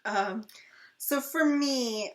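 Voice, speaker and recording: A woman's voice: fairly high pitch, drawn-out words. A woman co-hosting a casual fan Q&A video, telling long rambling stories full of fillers and restarts. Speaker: channel co-host.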